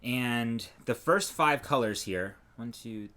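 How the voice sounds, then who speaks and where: A man's voice: mid-range voice, slow. Male podcast co-host, easygoing, shows his crochet while chatting. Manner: relaxed, trails off and restarts while showing work. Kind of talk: casual chat about crochet.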